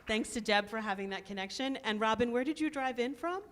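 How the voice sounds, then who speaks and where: A congregation leader greets guests and thanks the helpers ahead of a worship service in a synagogue sanctuary, upbeat, talkative and quick to laugh. She speaks with a fairly high pitch and a brisk pace, and the recording is very noisy with long hall reverb.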